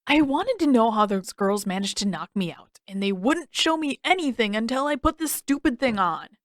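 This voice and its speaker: In a story reading, a woman voices a whiny, indignant teenage boy who sputters protests and grumbles. Her voice is pitched a little high, above her natural one, with lively intonation, normal speed and light acting. The recording is studio quality with no echo.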